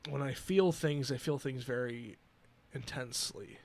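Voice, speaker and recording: A man in his twenties hosting a solo podcast, earnest and emotional, talking haltingly with many restarts. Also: medium pitch, vocal fry. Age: 20s. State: emotional, near tears. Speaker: podcast host. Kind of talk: personal solo podcast talk.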